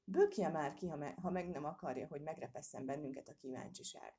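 A woman's voice: deep voice, dark tone, close to an everyday voice. A woman voicing an impatient old father squirrel who grumbles and presses for answers.

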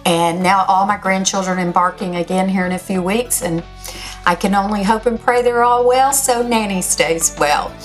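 Raspy older woman giving encouragement. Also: mid-range voice, normal speed, soft background music, rough recording. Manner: encouraging, direct address, emphatic. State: slightly hoarse, recovering from illness. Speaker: podcast host. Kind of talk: motivational solo talk to listeners.

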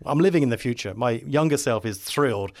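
A man's voice: mid-range voice, expressive, fast talker, a little mellow, no echo, studio quality. A man chatting casually as a podcast guest, enthusiastic and optimistic in a rambling, musing way. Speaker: podcast guest, advertising creative. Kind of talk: casual conversational interview.

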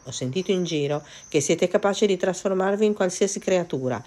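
A woman voicing a clever, bold male cat in a storybook, speaking slyly in a raised, lively tone. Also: fairly low pitch, fairly quick, voice pushed up. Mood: sly, flattering. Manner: sly, theatrical, raised and bright.

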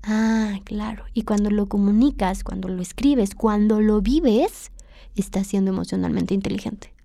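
A woman's voice: mid-range voice, unhurried, creaky, dark tone, no echo, clean studio sound. A woman with a Mexican accent hosting a podcast, talking candidly and confessionally straight to the listener in a reflective monologue. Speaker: podcast host.

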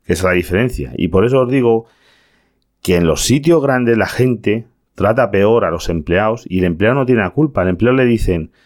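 A man, a waiter, telling a work anecdote to viewers in a casual, animated way, with sound effects. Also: lowish voice, a little fast.

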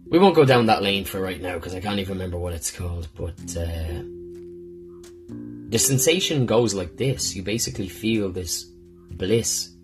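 Gravelly, low-voiced man swearing freely. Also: lively intonation, normal speed. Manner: rambling and heartfelt, swears often. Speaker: podcast host. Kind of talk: casual personal monologue. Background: guitar music.

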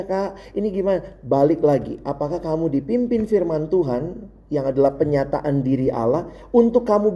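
Young guy preaching, fairly high voice but mellow, tells funny stories and does the voices. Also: dull audio. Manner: lively storytelling, acts out quoted friends, laughs along. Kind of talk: sermon.

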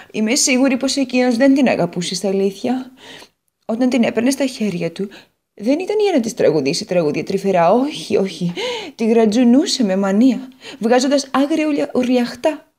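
A woman's voice: mid-range voice, dark tone, voice pushed up. A woman voicing a proud, wistful female guitar in a children's storybook read on the radio, sighing and bitter as she talks.

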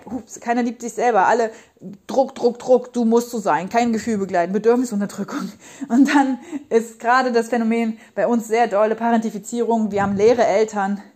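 A woman's voice: a little high, darkish tone. A woman in her thirties hosting a casual monologue podcast as a parenting coach, talking passionately and rambling with emphatic repetitions. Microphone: podcast microphone.

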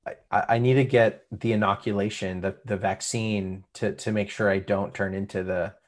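A man's voice: lowish voice, steady tone, moderate pace. A man co-hosting a podcast, talking reflectively and hesitantly over a remote call. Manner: reflective, hesitant, many fillers and restarts. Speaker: podcast co-host. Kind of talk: casual podcast chat. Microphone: remote call recording.

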